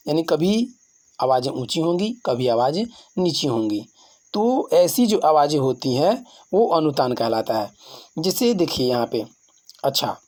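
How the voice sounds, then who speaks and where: A man teaching grammar in a classroom-style lesson, explaining slowly and repeating points, often asking a question and then answering it himself. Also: fairly high pitch, a little mellow. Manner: slow, repetitive explaining.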